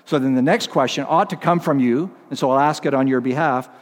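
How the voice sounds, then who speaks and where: A man's voice: mid-range voice, fairly quick. A man preaching an expository sermon to his congregation, earnest, repeating key phrases and posing rhetorical questions. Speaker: pastor. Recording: long reverb of a large hall.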